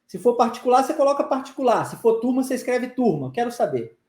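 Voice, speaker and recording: A man's voice: very high voice, big pitch swings, quick pace, a little mellow, reverberant. A man with a Brazilian Portuguese accent gives a live online English pronunciation lesson, coaxing his viewers and drilling phrases through repetition. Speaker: English teacher.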